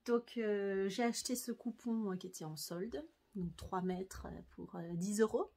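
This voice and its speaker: A woman's voice: mid-range voice, unhurried, dark tone. A French woman talking casually to camera about her sewing, chatty and hesitant, with many fillers. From France. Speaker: sewing vlogger.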